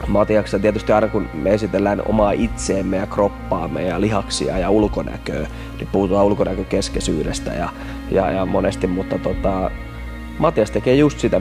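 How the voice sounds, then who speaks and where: A man giving a thoughtful, measured documentary interview, pausing on fillers. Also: sits low, creaky, music in the background.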